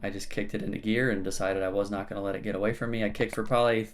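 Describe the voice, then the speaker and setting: A man's voice: fairly low pitch, little pitch movement, very fast. A man, hosting a spearfishing channel, talks through his dive footage in a plain-spoken, matter-of-fact voice-over that explains each moment as it comes.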